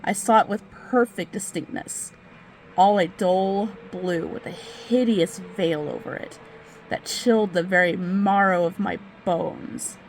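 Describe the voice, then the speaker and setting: A woman's voice: mid-range voice, lightly acted, low-quality recording. A woman playing a crazed, nervous murderer in a theatrical, hammy stage reading of a gothic horror story, drawing out words with obsessive intensity. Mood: stealthy, furious.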